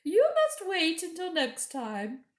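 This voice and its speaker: Lady doing a fake-sweet bossy witch queen for storytime, really high and slow, drawn out and grand. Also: huge pitch swings, exaggerated voice. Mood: gleeful, commanding. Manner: drawn-out, grand, coaxing delivery. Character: imperious, coaxing, falsely sweet witch queen. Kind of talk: storybook character reading. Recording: echoey room.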